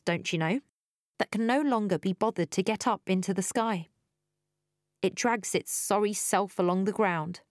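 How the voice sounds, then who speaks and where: A woman's voice: mid-range voice, no echo, clean studio sound. A woman reading a first-person story aloud, wry and dryly humorous, growing breathless in the tense stretches. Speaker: audiobook narrator. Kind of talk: first-person audiobook narration.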